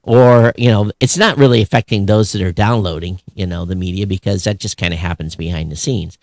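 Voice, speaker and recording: Here a podcast host with a low, darkish voice speaks a little fast in a clean studio recording without echo. He keeps the discussion casual and forceful, voicing both parties of imagined exchanges.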